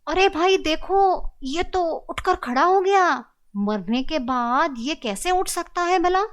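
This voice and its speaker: A woman's voice: high-pitched, unhurried. A woman voicing a loyal young man who is a brave, worried friend, speaking urgently and earnestly.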